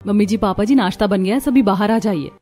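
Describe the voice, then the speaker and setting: A woman's voice: medium pitch, fast talker, dark tone, close to an everyday voice. A woman voicing a carefree young daughter-in-law in a cartoon, breezy and sometimes pleading. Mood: polite. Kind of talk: cartoon voice acting.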